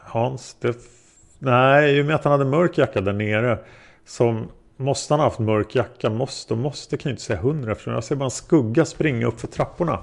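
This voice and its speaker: A man reading the lines of a hesitant male taxi driver being questioned as a witness, in a plain, halting way. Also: medium pitch, creaky, lightly acted. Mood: unsure. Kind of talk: read-aloud interrogation transcript.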